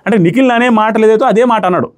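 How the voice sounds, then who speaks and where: A man's voice: high voice, fast. A man reviewing a reality show in casual, analytical commentary, dropping English phrases into his talk.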